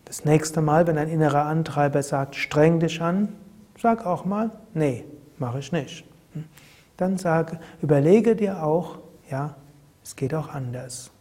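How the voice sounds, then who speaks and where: A man giving spoken self-help tips as host, in a calm, measured way that repeats key phrases. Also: fairly high pitch. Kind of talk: spoken advice talk.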